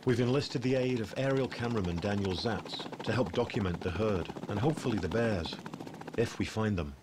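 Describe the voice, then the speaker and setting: A man delivers scripted nature documentary narration in a measured, storytelling way. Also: on the low side, noisy background. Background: background music.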